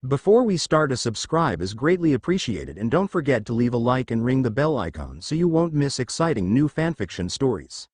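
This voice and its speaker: A man reads fanfiction aloud for his channel, telling the story with animated energy. His pitch swings widely through the lines. The recording is dry and close. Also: a little fast, hardly any pauses, no room sound. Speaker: fanfiction narrator.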